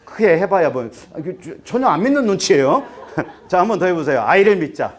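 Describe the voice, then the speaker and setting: A man in his fifties, an academy teacher, briefing parents in a lively lecture, firing rhetorical questions and getting worked up until he trips over his words. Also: high voice, a little fast. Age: 50s. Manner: animated, rhetorical questions, acts out students and parents.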